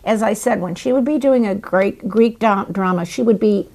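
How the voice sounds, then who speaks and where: A woman in her seventies, an actress and playwright, telling stories in an animated, theatrical way during an interview. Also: medium pitch, normal speed, creaky. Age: 70s. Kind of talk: interview conversation.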